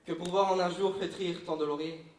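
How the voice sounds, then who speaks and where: A man's voice: sits high, fairly even intonation, a little fast, lightly acted. A man playing his girlfriend's mother's young helper, dutifully reading classical verse aloud in a live comedy sketch. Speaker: comic stage character. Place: large echoey hall. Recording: roomy live hall sound.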